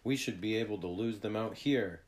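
A man voicing a breathless young child adventurer who speaks in a hurried, raised voice. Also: lowish voice, close to an everyday voice.

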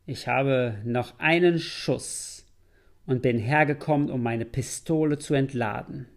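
A man's voice: medium pitch, unhurried, close to an everyday voice. A man reading a grim vengeful duelist. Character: proud vengeful male duelist, cold and grim.

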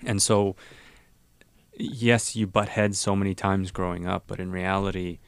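Deep-voiced reflective male podcast host. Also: flat delivery, measured pace, smooth, dry recording. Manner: reflective, asks thoughtful questions. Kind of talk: casual podcast conversation.

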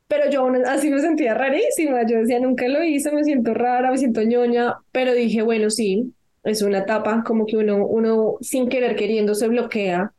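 A woman talking on a podcast with a mellow, dark-toned voice that sits slightly high. She tells personal stories reflectively, a little self-conscious and gentle. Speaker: podcast co-host. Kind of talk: casual chat.

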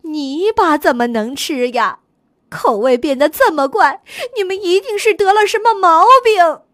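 A woman voicing a frantic mother cow who cries out loudly in alarm in a storybook. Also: very high voice, lively intonation, unhurried, no room sound, studio quality, voice pushed up, exaggerated voice. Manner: loud, alarmed, tearful.

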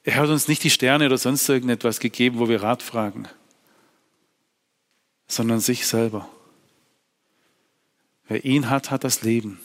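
A man's voice: fairly even intonation, moderate pace, pauses often. Earnest male preacher in a reverberant hall. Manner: earnest, swings between hushed low phrases and raised emphatic ones.

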